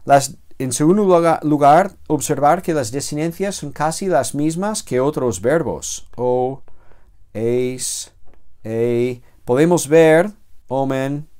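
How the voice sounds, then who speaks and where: A man's voice: medium pitch, takes it slowly, a little mellow. A man with a Spanish accent from Spain, a theology professor giving a patient recorded lecture, explaining step by step and correcting himself as he goes. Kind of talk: recorded lecture on biblical Greek.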